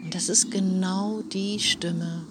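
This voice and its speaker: A woman speaking in a personal, reflective monologue, often dropping into a soft half-whisper and talking straight to the listener. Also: on the low side, steady tone, slow, very noisy. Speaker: self-help speaker.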